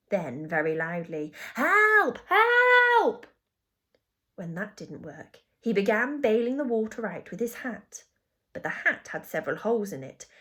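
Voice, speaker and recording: A female teacher reads a children's storybook out loud, telling the story with lots of expression. Her voice sits at a medium pitch.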